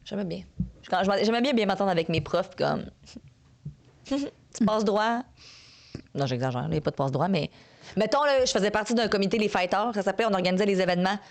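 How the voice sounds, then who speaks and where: A woman with a Québécois French accent, co-hosting a podcast with teasing, quick banter. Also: mid-range voice, expressive. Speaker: podcast co-host. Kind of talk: casual chat.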